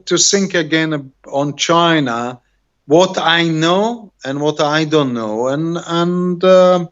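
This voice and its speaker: Man, middle-aged, Israeli accent, native Hebrew speaker, slightly high pitch, rambling and searching for words, casual interview guest, dull video-call sound. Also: fairly bright tone.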